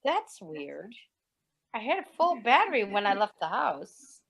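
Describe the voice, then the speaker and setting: A woman's voice: mid-range voice, wildly swooping pitch, unhurried, gravelly, fairly bright tone, slightly rough, highs cut off, full character voice. An actress playing a carefree young woman with a breezy, offhand manner in an amateur stage play.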